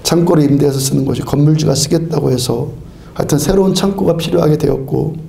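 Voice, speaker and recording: A man's voice: on the high side, fast, gravelly, mellow. A male pastor delivering an emphatic sermon, urging his congregation with firm commands and often breaking into a laugh as he preaches. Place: church sanctuary. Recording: echoey church sanctuary.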